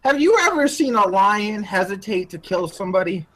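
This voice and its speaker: Fairly high-voiced man in his twenties ranting. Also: animated, moderate pace, fairly bright tone, poor audio. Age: 20s. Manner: blunt, ranting, says "freaking". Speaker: podcast co-host. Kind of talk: casual chat. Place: home, on a call.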